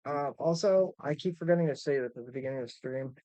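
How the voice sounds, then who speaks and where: A man's voice: medium pitch, quick pace, warm tone, no room sound, rough recording. A man chatting casually as a livestream host, rambling and apologetic, with slurred, lisping speech from missing teeth. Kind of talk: casual live stream chat and reactions.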